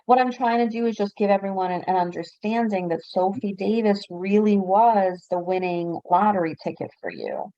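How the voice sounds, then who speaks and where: Gravelly-voiced woman hosting a webinar. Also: medium pitch, normal speed, hardly any pauses, dark tone, dry recording, muffled recording. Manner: probing, recaps figures for the audience. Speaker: webinar host. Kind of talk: moderating a webinar interview.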